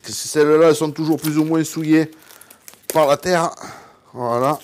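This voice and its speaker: A man with a southern French accent and a slightly high voice talks through his cooking in a loose, rambling way. He speaks straight to the viewer, jokes at his own expense and fills every pause with "voilà". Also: fairly even intonation, darkish tone, a little hiss or hum. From Cévennes, southern France. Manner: chatty and rambling, says "voilà" constantly. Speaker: home cook and hunter. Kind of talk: casual cooking vlog.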